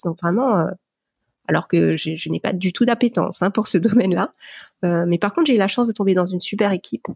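A woman, a podcast guest who talks with many pauses and fillers. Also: on the low side, darkish tone, no room sound, clean studio sound. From Paris, France. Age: 40s. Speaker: interview guest. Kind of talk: podcast interview.

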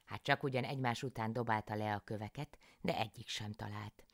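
A woman reading a folk tale aloud as a bedtime story, calm and measured, close to the microphone. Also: a bass voice, dry recording.

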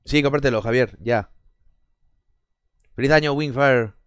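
A man's voice: mid-range voice, measured pace, clear, resonant tone, no echo, clean studio sound. A man from Spain chatting casually on a live stream, answering chat with sarcastic jokes, frequent swearing and bursts of laughter.

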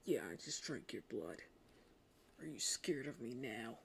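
In a full character voice, a woman plays a smug male anime vampire who teases the listener slowly, low and breathy, often whispering. His gravelly tone has lively intonation and wide pitch swings, carrying cold, hungry smugness, fitting an intimate roleplay audio drama with slight background noise.

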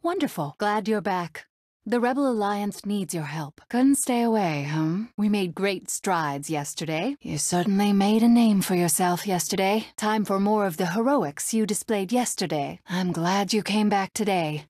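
A woman's voice: medium pitch, moderate pace, a little mellow, dry recording, clean studio sound, natural voice. A woman voicing a young, fearless rebel princess for a video game, poised and commanding with a wry, courteous manner. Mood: warmly confident. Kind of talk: video game character voice clips.

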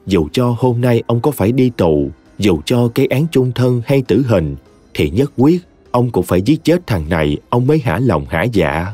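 A man narrating a short story in a dramatic, expressive audiobook reading. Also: medium pitch, moderate pace, no echo. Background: soft music.

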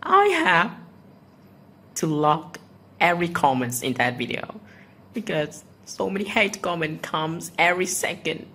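This young YouTuber, a teenager or young adult, sits in a small room at home recording on his phone, sarcastically reading comments and responding in mock offense. His slightly high voice is bright, forceful and husky, with big pitch swings and a measured pace.

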